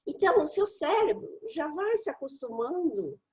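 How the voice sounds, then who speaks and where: A woman English teacher mentors her listeners with practical study tips. Her voice sits high and moves through a wide, animated range. She speaks directly and playfully to the audience. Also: normal speed, poor audio.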